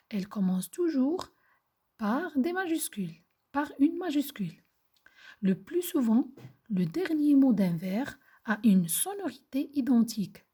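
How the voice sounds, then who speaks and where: Woman, primary teacher, video lesson; slow, patient, breathy near-whisper, fairly high, mellow tone. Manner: slow, patient, repeats and explains simple words.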